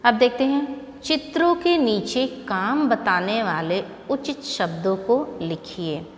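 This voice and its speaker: Slow, patient woman teaching a lesson. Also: on the high side, animated, big-room sound, a little hiss or hum. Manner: patient, asks questions and answers them herself. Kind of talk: slow, deliberate classroom explanation.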